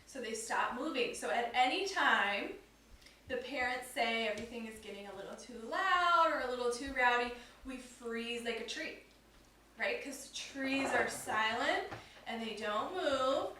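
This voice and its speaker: Woman yoga instructor for kids, bright high voice, recorded from a distance in an echoing room. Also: lively intonation, a little slow. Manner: upbeat, instructive, talks to children. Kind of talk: guided kids yoga class.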